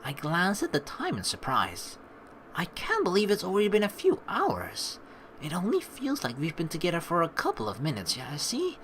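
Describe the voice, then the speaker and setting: A woman with a low voice reads a game's text aloud on a let's play stream and tosses in casual, teasing remarks of her own. Game music plays behind her, along with slight background noise.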